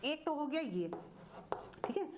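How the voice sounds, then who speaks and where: Female tutor, higher register, explains spelling step by step with repeated words and rhetorical questions. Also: sing-song, background noise. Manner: slow, repeats words and asks questions to the viewer. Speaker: Hindi teacher. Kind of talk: classroom-style grammar lesson.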